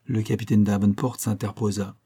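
A man narrating a novel in a measured, literary reading. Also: lowish voice, little pitch movement, mellow, slightly rough. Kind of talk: scripted narration.

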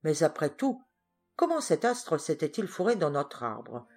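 A woman's voice: low voice, big pitch swings, unhurried, a little mellow, faint music behind, full character voice. A down-on-his-luck male crook grumbling to his partner in slangy, self-mocking complaints, as a woman narrator puts him on. He rants in bursts, rueful and sore at himself, in a storybook reading. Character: grumbling male thief, dejected and gruff.

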